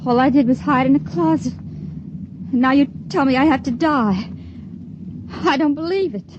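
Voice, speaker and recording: Actress doing a young stowaway girl, fairly high, soft, halting, dull hissy old radio play. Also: natural voice. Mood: disbelieving. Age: young adult. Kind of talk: 1950s radio drama acting. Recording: dull vintage radio broadcast with hiss.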